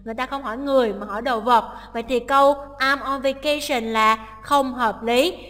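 A woman's voice: high voice, fairly even intonation, fairly quick, a bit bright, in a large hall. A woman teacher working through a listening test, reading each English line and then explaining it. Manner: explains each option, translating English lines aloud.

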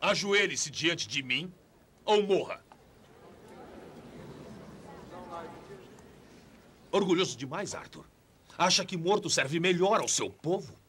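An actor playing a menacing dark lord, a tyrannical warlord, with a husky Brazilian Portuguese voice in a domineering, taunting film-dub delivery. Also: male voice, a little high, lively intonation, normal speed, a little hiss or hum. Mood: cold menace. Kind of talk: dubbed film drama acting.

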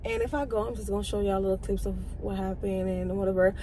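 A woman's voice: mid-range voice, steady tone, quick pace, mellow, rough recording. Young adult woman, casual vlogger, talking to viewers from a car, faint road noise. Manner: chatty and informal, addresses viewers as y'all. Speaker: vlogger and new graduate nurse. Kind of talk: casual vlog chat.

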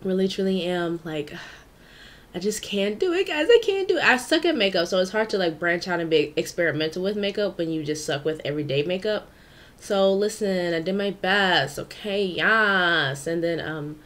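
A woman recording a casual voiceover at home, hyper and playful, calling her viewers "honey" and swinging between loud squeals and low mutters. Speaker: YouTuber narrating a game makeover.

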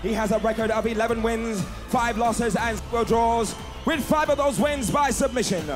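Guy doing boxing ring announcer intros, really high shouty voice, big drawn out names, echoey arena with crowd and music. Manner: booming, theatrical, drawn-out name calls. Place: large indoor fight arena, in the cage. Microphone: handheld microphone over arena PA.

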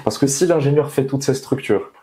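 In a small meeting room, wearing a clip-on mic, a young man who works as an engineer is interviewed and argues his views with earnest emphasis, repeating important phrases. His mid-range voice is brisk and dark-toned.

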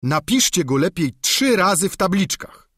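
A man's voice: high voice, sing-song, moderate pace, a bit bright, husky, no room sound, studio quality, pitched above the performer's own voice, full character voice. A man reading a storybook, voicing a simple, talkative peasant squire in an eager, folksy way. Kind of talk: audiobook character reading.

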